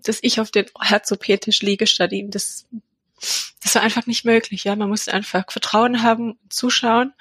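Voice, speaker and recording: English-accented woman, hesitant and breathy. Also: a little high, a bit bright, no echo. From England. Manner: hesitant, many fillers and restarts. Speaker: mother of a child with a heart defect. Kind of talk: personal testimony interview.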